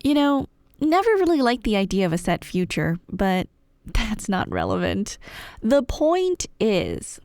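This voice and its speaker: Here a woman's mid-range voice swings hugely in pitch, moving a little slowly with a darkish, clear, resonant tone and clean studio sound free of any room noise. Voicing a chatty, playful, nerdy girlfriend in a scripted ASMR roleplay, the performer rambles through myths with wry, irreverent slang.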